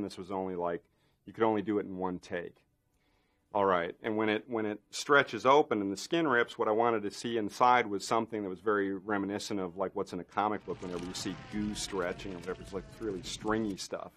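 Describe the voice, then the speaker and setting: A man's voice: fairly low pitch, fairly bright tone. Man telling a rambling effects anecdote. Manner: rambling, many fillers and restarts. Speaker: special effects artist. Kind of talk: documentary interview anecdote.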